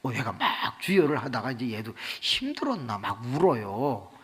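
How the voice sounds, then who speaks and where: A middle-aged pastor preaches in a revival meeting with a bright, slightly breathy, high-pitched voice. He tells stories in an animated, comic way, and his voice sweeps up and down as he acts out each scene. The long reverb of a church sanctuary trails after his words. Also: moderate pace. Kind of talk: revival sermon storytelling.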